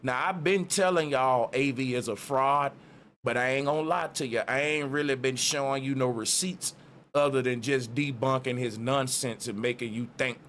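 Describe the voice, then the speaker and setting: A man's voice: mid-range voice, normal speed, a bit bright. A man giving casual, opinionated commentary to his viewers in a slangy, streetwise, conspiratorial exposé manner. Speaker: online commentary host. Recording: noticeable background noise.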